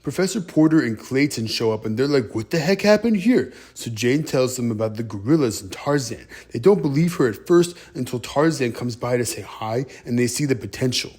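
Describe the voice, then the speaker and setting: A man's voice: medium pitch, a little fast, hardly any pauses, a little mellow, breathy edge. A man hosting his own channel, casually retelling a film's plot as a movie review in a chatty way.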